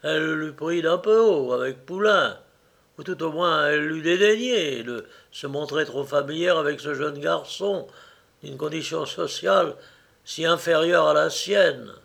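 Male audiobook reader, slow and measured, slightly high voice, classic fiction. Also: gravelly. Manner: slow, measured, expressive reading. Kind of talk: scripted narration of a classic novel.

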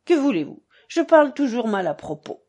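A woman's voice: a little high, moderate pace. A woman playing a clownish, fawning old buffoon. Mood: excited, clowning. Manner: theatrical, self-mocking, excitable. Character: buffoonish fawning aging man, talkative and clownish.

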